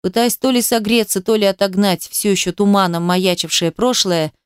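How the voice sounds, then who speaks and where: A woman narrating a story in a steady, measured reading. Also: medium pitch, smooth, dry recording, studio quality. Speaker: audiobook narrator. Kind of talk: storybook narration, first person.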